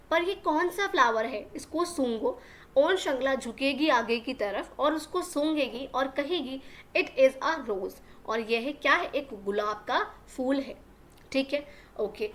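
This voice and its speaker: High-voiced woman teaching young kids. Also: fairly bright tone. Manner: reads English lines slowly, then explains in Hindi; repeats words and checks in with listeners. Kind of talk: explaining an English lesson to young children.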